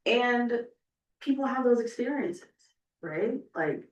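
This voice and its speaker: A fairly high, animated female voice moves at a slow pace. An oral historian on a panel in an indoor event room, she talks conversationally and emphatically, frequently adding "right?"; the room echoes and the mic sits far off.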